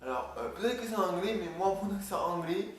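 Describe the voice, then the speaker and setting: A young video creator rambles and jokes through a casual vlog while reading from his notes. He talks fast in a high-pitched, expressive voice. The mic is far away in an echoey room, with faint noise.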